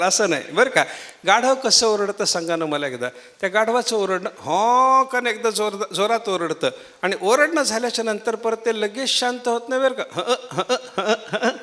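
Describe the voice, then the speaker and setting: In a lecture hall, an older man with a high, slightly bright voice delivers a devotional discourse as a spiritual lecturer. He explains patiently, repeats questions to the audience, and slips in playful imitations.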